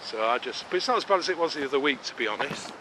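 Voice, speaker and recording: Out on a woodland walk, a middle-aged vlogger narrates in a chatty, self-deprecating, rambling way, slightly out of breath. His medium-pitched voice is rapid-fire with lively intonation. The camera-mounted mic picks up outdoor noise and clicking as he walks.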